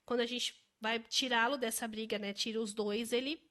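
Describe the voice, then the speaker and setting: A woman from Brazil, an adoptive mother, talking earnestly in a casual podcast conversation and often dropping to a softer voice. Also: a little high, steady tone, normal speed.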